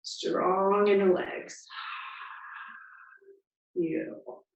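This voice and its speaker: A woman leading a yoga class, giving calm, encouraging cues and counting breaths, a little out of breath as she moves. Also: medium pitch, drawn-out words, vocal fry. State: slightly out of breath. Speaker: yoga instructor. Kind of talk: guided yoga class instruction. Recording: distant, echoey, muffled room sound.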